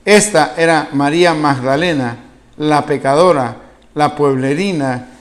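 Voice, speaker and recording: A Venezuelan man preaching a sermon with a fairly high voice, telling the story with animation. He puts questions to the congregation and acts out each speaker's words with a changing voice. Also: a little slow. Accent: Venezuelan Spanish. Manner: acts out the quoted speakers with a shifting voice. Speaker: pastor.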